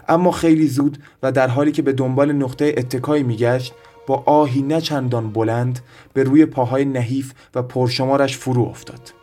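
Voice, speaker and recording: A male audiobook narrator reads a classic novel in a measured, steady way. His voice sits at an ordinary middle pitch. Soft music plays faintly behind him. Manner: measured, even storytelling reading. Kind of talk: scripted literary narration. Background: soft background music.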